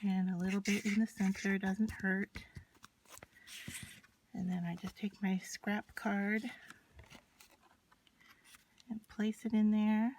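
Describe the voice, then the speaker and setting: Speaking slowly, with long pauses, a flat delivery and a darkish tone, a woman with a mid-range voice walks through a hands-on craft demonstration without a script. Her materials produce scratching and clicking sounds that come through clearly.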